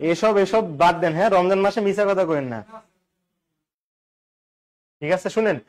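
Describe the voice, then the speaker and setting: A male teacher, giving an exam-prep grammar lesson and quizzing listeners with repeated questions and jokes. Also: high-pitched. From Bangladesh.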